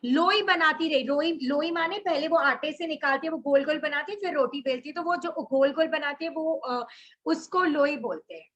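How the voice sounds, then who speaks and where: A woman teacher with a high, bright voice, working through a text line by line. She reads each passage aloud and then unpacks it in simple words, slipping English terms into her explanations. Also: moderate pace. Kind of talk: line-by-line literature lesson.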